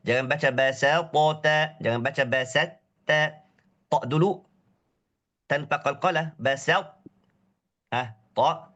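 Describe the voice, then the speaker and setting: A man with a cold teaching a tajweed lesson online, drawing Arabic words out slowly to demonstrate their pronunciation and drilling short syllables again and again. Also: a little high, fairly bright tone. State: has a cold. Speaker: Quran recitation teacher.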